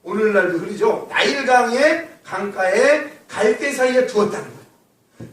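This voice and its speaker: A male pastor preaching a sermon in a church, often asking the congregation questions and answering them himself. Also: very high voice. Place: church sanctuary. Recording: echoey hall, mic far off.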